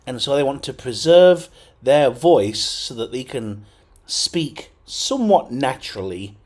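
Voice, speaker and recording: A man hosts a casual screen-recorded computer tutorial, chatting through the steps with lots of fillers and frequent checks like "okay?". His medium-pitched voice is a little mellow and slightly rough.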